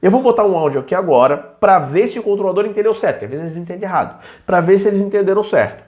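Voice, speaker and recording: A man teaching aviation English to pilots in an informal video lesson. His voice sits high for a man, and he talks in a chatty, lively way, now and then mimicking a student's questions. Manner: chatty, slips into English examples slowly and acts out students.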